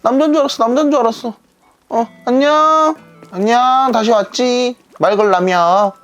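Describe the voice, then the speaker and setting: A woman's voice: a little high, normal speed, faint music behind. Playful woman chatting over gameplay. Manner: playful, chatty, talks to viewers. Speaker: game streamer. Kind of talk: casual gameplay chat.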